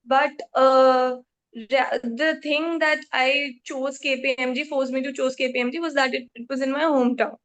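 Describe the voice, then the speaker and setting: A young woman with an Indian accent and a notably high voice. She speaks as an interview guest, laying out her own experience in an articulate, self-assured manner. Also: steady tone, moderate pace, fairly bright tone. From Jaipur, India. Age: 20s. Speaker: podcast guest, accountancy trainee. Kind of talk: interview answers about career.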